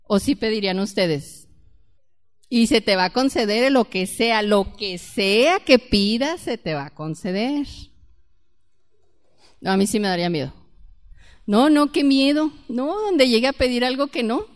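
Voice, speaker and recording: A woman's voice: on the high side, lively intonation, unhurried, pauses often. A woman preaching a conversational sermon and asking her congregation questions. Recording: long hall reverb.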